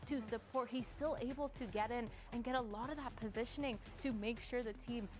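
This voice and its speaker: Woman analyst over clear music. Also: on the high side, a little fast. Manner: fluent, detailed tactical breakdown. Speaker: esports analyst. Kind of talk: broadcast esports analysis.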